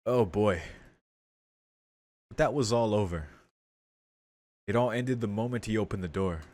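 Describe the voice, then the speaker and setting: A streamer works his way through a visual novel, voicing the text theatrically and reacting in relaxed slang while game music plays. His lowish voice is a little mellow and a little slow.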